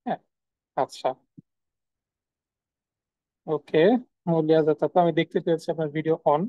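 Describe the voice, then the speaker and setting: A woman's voice: deep voice, little pitch movement, normal speed, no echo, phone-quality sound. A woman teaching a live online class, repeating each sound several times and answering her own questions. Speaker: German language teacher. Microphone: video call.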